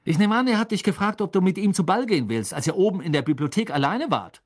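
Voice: medium pitch, very animated, fairly quick, breathy edge, voice pushed up. Ron, a reader voicing a jealous teen wizard. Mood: jealous anger. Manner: raised, accusing, sneering. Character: angry jealous teenage boy wizard.

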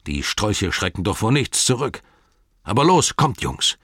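A man voicing a blunt, hearty older farmer eager for a fight, speaking loudly in a raised voice. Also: on the low side, big pitch swings, a little slow, breathy edge, no room sound, studio quality, voice pushed up, heavily acted.

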